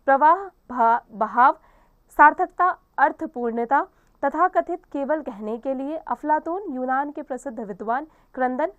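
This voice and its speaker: A woman teacher reading a textbook lesson aloud to children, in a clear, explanatory manner, addressing the class directly. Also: high-pitched, no room sound, lo-fi sound.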